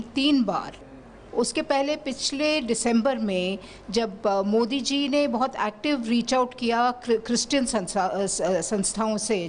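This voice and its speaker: A woman journalist asks a long, probing question at a press conference, stopping to restart her words now and then. Her pitch is ordinary for a woman, and faint background noise sits under her voice. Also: darkish tone.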